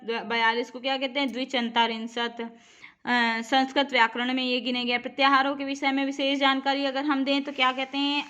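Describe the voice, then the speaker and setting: High-voiced woman teaching a grammar lesson. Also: pushed and bright, muffled recording. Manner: repeats points and quizzes the viewer. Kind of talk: exam-prep grammar lesson.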